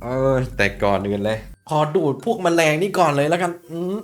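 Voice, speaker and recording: A man giving animated, jokey commentary while playing a VR game, often addressing his viewers. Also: a little high, a little fast, soft background music. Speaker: gaming YouTuber. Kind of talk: playful VR gameplay commentary.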